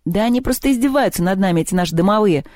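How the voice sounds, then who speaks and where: A hot-tempered, blustering schoolboy from a storybook, as the narrator plays him, roaring out threats. The voice is pushed high and loud while staying mellow in tone. It is recorded close and dry. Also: a little fast, no echo, natural voice. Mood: furious.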